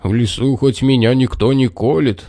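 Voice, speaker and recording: A man voicing a big blustering male bear in a children's story, with slow, drawn-out wailing and growling. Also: medium pitch, warm tone, dry recording, studio quality, close to an everyday voice. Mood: angry.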